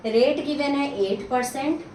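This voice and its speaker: A woman teaching a maths lesson step by step, counting sums out loud and answering her own questions. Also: high-pitched, slow, recorded from a distance. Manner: counts out sums aloud, mixing in English. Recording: echoey room, voice from off the mic, steady noise.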